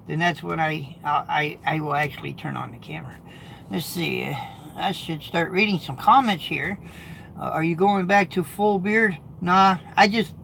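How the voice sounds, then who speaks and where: He's a middle-aged truck driver from the United States, chatting with his audience from inside his truck as he goes through comments. The high-pitched, gravelly voice rambles along with repeated words and frequent restarts, over a little hiss or hum.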